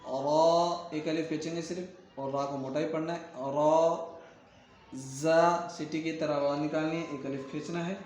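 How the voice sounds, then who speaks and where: A man's voice: a little high, flat delivery, few pauses, a little mellow, soft background music. Patient man teaching letter sounds, echoey. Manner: patient, repeats letters and checks in often; stretches letter sounds long when reciting. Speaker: Quran reading teacher. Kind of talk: recorded lesson.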